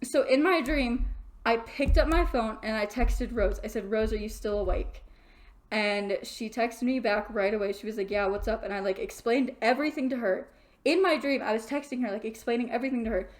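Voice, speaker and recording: A young woman vlogs from her bedroom, telling a long story in a casual, rambling way. Her voice sits a little high. She trips over restarts and leans on filler words as she goes. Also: a little fast. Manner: rambling, animated, lots of fillers like "like". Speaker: vlogger.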